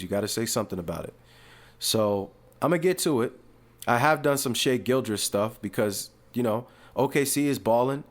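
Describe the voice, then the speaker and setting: Male sports host, casual and rambling, mid-pitched voice, animated bursts, loose restarts. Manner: rambling, animated asides with shifting energy; uses fillers and restarts, talks casually.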